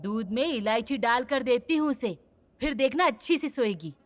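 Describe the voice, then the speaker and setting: An actress playing a caring but bossy old grandmother of the household, who talks in a brisk, fussing way in a TV serial, with soft music behind. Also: on the high side, natural voice. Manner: brisk, fussing, animated scolding. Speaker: mother of the household. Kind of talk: TV serial acting.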